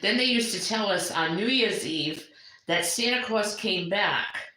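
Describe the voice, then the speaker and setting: A woman's voice: medium pitch, measured pace, sharp tone. Laughing, chatty woman live-streaming from home. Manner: chatty, laughs often, reminiscing. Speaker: livestream host. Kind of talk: casual live-stream chat with viewers. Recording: roomy echo.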